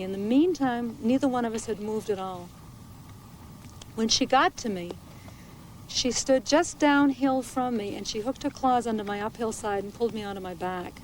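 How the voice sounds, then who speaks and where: A woman who works as a naturalist and park ranger, speaking in a documentary interview in a measured, halting way with small restarts. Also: a little high, a little hiss or hum, low-quality recording. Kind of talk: interview recounting a bear attack. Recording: 1980s VHS documentary interview.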